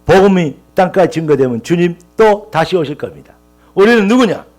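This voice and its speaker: A man's voice: sits high, lively intonation, a little fast, darkish tone, soft background music. A male pastor preaching a sermon with impassioned, rising emphatic lists and calls of hallelujah.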